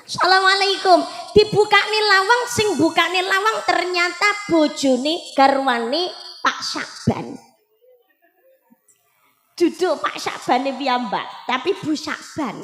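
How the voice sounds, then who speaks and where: High-voiced Javanese woman preacher. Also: slow, a bit bright. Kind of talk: humorous sermon storytelling. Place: large hall at a live religious gathering. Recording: echoey hall with faint music.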